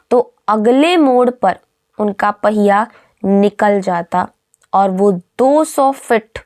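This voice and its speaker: A woman narrating a scripted horror story, with slow, suspenseful delivery and dramatic pauses. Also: mid-range voice.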